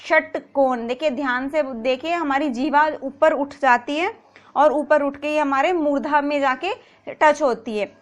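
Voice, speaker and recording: A woman's voice: high-pitched, measured pace. A woman teaching a grammar lesson, patiently repeating example words and asking rhetorical questions. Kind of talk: explanatory video lesson.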